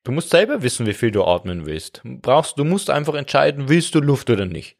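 A man co-hosting a comedic podcast, relaxed and musing. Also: medium pitch, a little fast, gravelly. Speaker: podcast host. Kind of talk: casual comedic chat.

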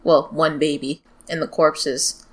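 A woman with a general American accent hosts a true-crime podcast, telling stories in a blunt, informal, sweary way. Her voice is low, level in tone, and slow.

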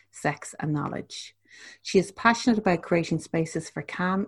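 A woman podcast host reads an upbeat introduction of her guest. Her voice is low and husky, with a gravelly fry running through it.

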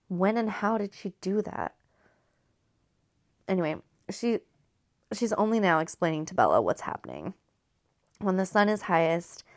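A woman's voice: lowish voice, vocal fry, no room sound, clean studio sound. A woman in her thirties chatting casually as a podcast host and recapping a movie, talking in a chatty, profane way with lots of filler words. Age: 30s.

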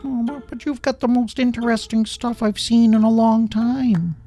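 Rip It, a high squeaky reptile creature. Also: male voice, steady tone, moderate pace, dark tone, soft background music. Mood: eager. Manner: high, pleading, eager to take things apart. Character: small male reptile creature, compulsive, nerdy.

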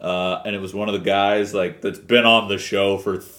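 A man co-hosting a podcast, chatting casually about pro wrestling in an animated, rambling way with the odd swear. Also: fairly low pitch, normal speed. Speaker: podcast co-host.

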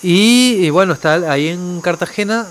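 A young man, telling a travel story in casual chat, animated and repetitive. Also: high voice, normal speed. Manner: animated, repetitive, quotes others in his own voice.

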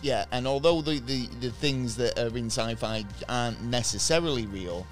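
A man's voice: mid-range voice, normal speed. A man with a mid-range voice co-hosts a casual podcast, rambling through a jokey story while fighting off hiccups. Faint music plays underneath him. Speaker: podcast co-host. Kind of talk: casual chat.

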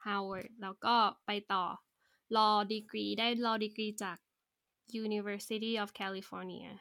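A woman hosting a casual quiz with a friend, playful and laughing often, reading out questions slowly. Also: mid-range voice, little pitch movement, vocal fry, a bit bright, no echo, studio quality. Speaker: quiz host.

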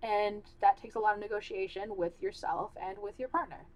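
On poor audio, a young podcast host with a darkish, mid-range voice talks a little fast with fairly even intonation. She rambles candidly on her own casual show, full of fillers and false starts, while her voice gradually wears out.

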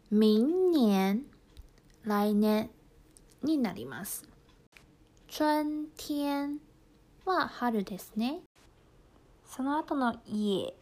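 Female language teacher, slow and measured, fairly high voice, stresses the example words. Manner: calm explanations, with words spoken slowly and stressed high. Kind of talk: language lesson explaining Mandarin to Japanese learners.

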